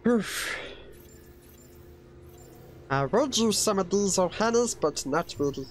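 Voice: mid-range voice, takes it slowly, a little hiss or hum. A performer voicing Stitch, a mischievous cartoon alien, doing let's play commentary and speaking of himself in the third person. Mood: excitable. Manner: refers to self in third person, excitable yelps. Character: Stitch, small mischievous male alien, excitable. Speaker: gaming channel host.

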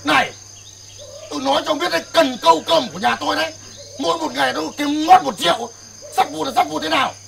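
A man's voice: sits high, sing-song, brisk, fairly bright tone, a little hiss or hum. An actor playing a hesitant, stammering poor village boatman. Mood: indignant.

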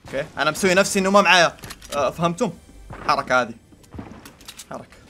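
A man's voice: on the high side, fast talker, over music. A young man giving live gameplay commentary, frantic, yelping and pleading. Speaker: gaming YouTuber.

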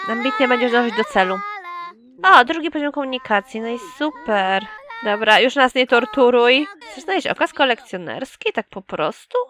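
In casual let's play commentary, a young gaming YouTuber plays a life-sim game, teasing the characters and addressing them directly. Her voice is somewhat high and a bit bright.

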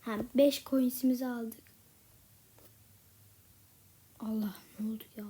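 A woman giving casual gameplay commentary in a soft, half-whispered voice, a little sick with a slightly rough voice. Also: a little high, steady tone, slow pace, a little hiss or hum. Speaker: gaming channel host.

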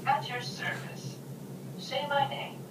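A woman's voice: high-pitched, little pitch movement. A toy robot speaking in a stiff, mechanical robot voice with a woman's voice, introducing itself in short formal phrases. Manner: stiff, slow, clipped machine phrases. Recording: echoey room, heard from far off with noise.

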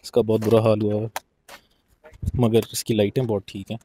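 A man's voice: fairly low pitch, level tone, moderate pace, mellow, a little hiss or hum. A young man walking through an outdoor car lot, chatting as he explains things to the camera, with English phrases mixed in. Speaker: vlogger. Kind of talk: casual walk-through commentary.

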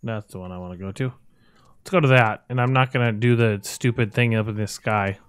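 A man's voice: fairly low pitch, fairly even intonation, brisk, clear, resonant tone, dry recording. A man hosting a gaming video with casual, jokey commentary, thinking aloud and poking fun at himself.

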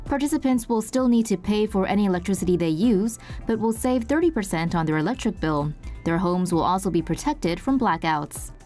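A woman narrating a scripted news report in an even, informative voice-over. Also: medium pitch, brisk, hardly any pauses, soft background music.

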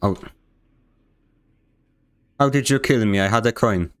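A young Polish man with a Polish accent streams a game, offering joking, sarcastic, mock-indignant commentary in a casual way. His voice is lowish, smooth and a little slow.

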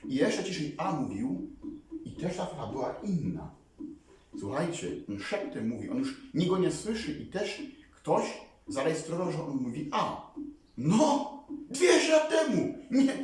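A man talking casually to his viewers as a vlogger, rambling and animated, often calling on them to listen. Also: fairly high pitch, moderate pace. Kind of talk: casual talk to camera. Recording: very echoey room, mic far away.

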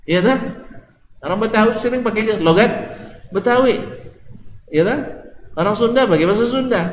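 A man preaches in an Ocu Malay accent with a lively, swinging voice, quizzing his listeners and slipping in jokes. His voice sits a bit high for a man. The recording rings with long hall reverb over faint ambience. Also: a little hiss or hum. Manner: lively, jokes with the audience, asks questions. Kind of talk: Islamic study lecture.

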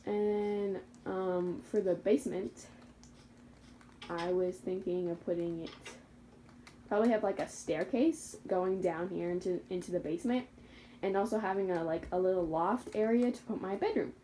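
A woman's voice: fairly low pitch, moderate pace, dark tone, a little hiss or hum, rough recording. A young woman casually commentating her own survival game, chatty and rambling, correcting her own slips and laughing at herself. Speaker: gaming YouTuber. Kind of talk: casual Minecraft gameplay commentary.

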